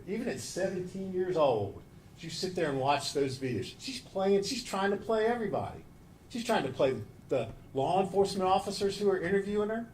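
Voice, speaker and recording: A man's voice: fairly high pitch, darkish tone. Passionate man prosecutor, swooping emphatic delivery. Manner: passionate, emphatic, repeating phrases for effect. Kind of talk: passionate closing argument to a jury. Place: large indoor courtroom. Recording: roomy courtroom echo, faint background noise.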